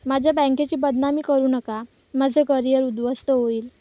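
A woman voicing a panicky male bank manager who pleads, in her own high, dry voice. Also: fairly even intonation, normal speed, warm tone, dry recording, natural voice. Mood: pleading. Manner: retold in the narrator's own voice.

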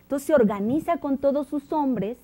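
A Mexican woman telling a children's story in an animated, dramatic way, speaking straight to her young listeners. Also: high-pitched, normal speed. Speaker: storyteller host.

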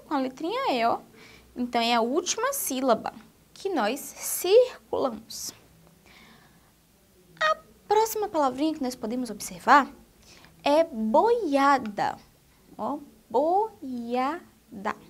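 A woman teacher with a high, sweeping voice that climbs and dips a lot. She speaks slowly and draws out each word in a sing-song way, as if talking to small children. Her accent is Brazilian Portuguese. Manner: sing-song, slow and exaggerated for young children. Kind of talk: children's literacy lesson.

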